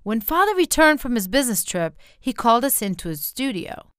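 A woman's voice: on the high side, sing-song, a little fast, a bit bright, clear, resonant tone, no echo, clean studio sound. A woman narrating a scripted first-person story, acting out the quoted lines.

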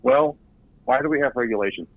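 A man's voice: mid-range voice, huge pitch swings, brisk, gravelly, dry recording. A man, a guest on a podcast interview, talking in an earnest way and often repeating words as he restarts. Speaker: recruiting director guest. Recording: tinny phone line.

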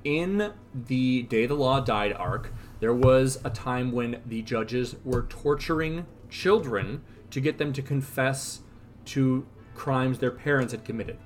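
A man's voice: mid-range voice, takes it slowly. A man co-hosting a podcast, casually recapping and narrating a comic. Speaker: podcast co-host.

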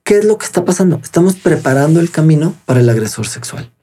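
A man talks as an interview guest, earnest and patient. His voice sits a touch high, with a mellow, husky tone. He explains step by step and acts out bits of dialogue along the way. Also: animated, fast. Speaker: guest expert on child protection.

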